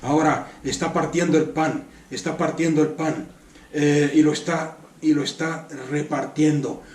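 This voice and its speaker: Earnest Spanish pastor preaching in an echoey hall. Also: male voice, on the high side, steady tone, unhurried, darkish tone, distant mic. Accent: Spanish from Spain. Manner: earnest, repeats words for emphasis, asks the congregation rhetorical questions. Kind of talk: sermon.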